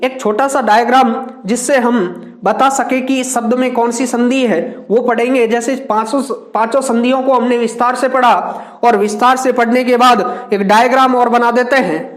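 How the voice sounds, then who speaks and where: A man's voice: very high voice, fairly even intonation. A male teacher giving a grammar lesson, asking questions and answering them himself, drawing out each example word. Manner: slow, drawn-out word examples. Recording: echoey room.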